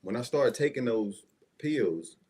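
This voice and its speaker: Warm in tone, with lively intonation at a measured pace, a medium-pitched man from Mississippi speaks in a Southern US accent. He is an assistant pastor giving his personal testimony as an interview guest, keeping it folksy and conversational with regular check-ins.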